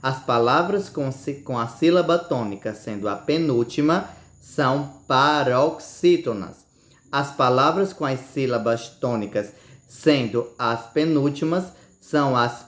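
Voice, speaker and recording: Guy teaching a video class, slow and drawn out, keeps asking "certo?", echoey room. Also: medium pitch. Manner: slow deliberate, stretching key words, frequent "certo?" and "ok?". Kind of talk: recorded video lesson.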